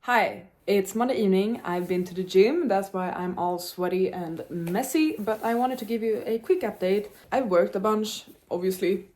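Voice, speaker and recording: In a casual chat to camera, a young Czech-native woman enthusiastically discusses books, dropping in fillers and fixing her own phrasing. Her voice is medium-pitched, moderately paced and almost without pauses.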